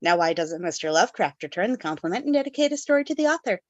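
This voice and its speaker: A woman's voice: fairly low pitch, sing-song, rapid-fire, no echo, lo-fi sound. A woman hosting a casual book club podcast, reading background notes and then summarizing the story with fillers and laughs. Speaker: podcast host.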